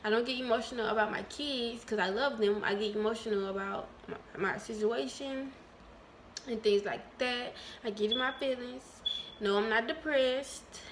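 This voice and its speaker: A woman talking to her viewers in a casual vlog, candid and chatty, calling them y'all, with lots of ums and pauses. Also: on the high side, slight background noise. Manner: many ums and trailing pauses. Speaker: vlogger.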